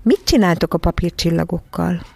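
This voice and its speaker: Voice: mid-range voice, vocal fry, dry recording. A narrator voicing a tiny, ancient, nosy old woman in an audiobook, with a sly, fussy, half-whispered manner. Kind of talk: audiobook character voice.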